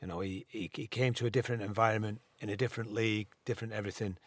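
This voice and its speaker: A man co-hosting a podcast, chatting quickly with wry asides. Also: lowish voice, steady tone, dry recording. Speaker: podcast co-host. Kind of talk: casual chat.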